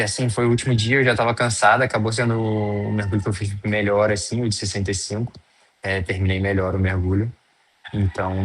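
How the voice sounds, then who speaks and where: A man with a Brazilian Portuguese accent, a guest in a casual interview, talking in a loose, hesitant way with many fillers and restarts. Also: lowish voice. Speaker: guest, freediver.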